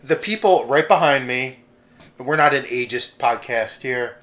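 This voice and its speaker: A man's voice: mid-range voice, a little slow, a bit bright. Young male co-host, loose and jokey, mid voice, rambling storyteller. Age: young adult. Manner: rambling, jokey, swears, mimics people in quotes. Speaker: podcast co-host. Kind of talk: casual comedic chat.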